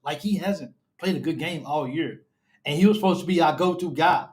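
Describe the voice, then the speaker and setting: A man hosts a live fan show, excited and emotional, repeating himself and calling listeners baby and bro. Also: on the high side, fairly quick.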